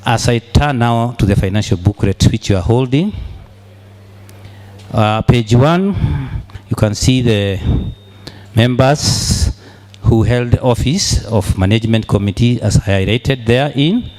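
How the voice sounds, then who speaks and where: A man giving a formal financial report at a meeting as treasurer, deliberate and halting, repeating phrases as he goes. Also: mid-range voice, a little mellow. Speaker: club treasurer presenting annual accounts.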